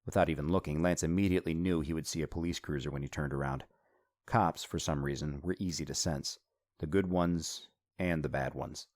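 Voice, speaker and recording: Very deep-voiced male audiobook narrator. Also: steady tone, fairly quick, darkish tone, no echo.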